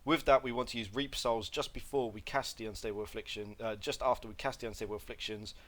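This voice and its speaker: A man's voice: medium pitch, fairly even intonation, fast talker, fairly bright tone. A man giving a casual gameplay tutorial, rambling and correcting himself with lots of fillers, with a slight cough. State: coughing, slight throat irritation. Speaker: game guide presenter.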